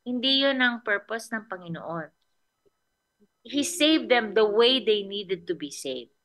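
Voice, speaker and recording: A woman's voice: medium pitch, expressive, slow pace, a crowd in the background. A woman pastor with a Filipino accent giving a conversational sermon, often checking in with her listeners. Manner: conversational, mixing English and Tagalog, checks in with "okay?".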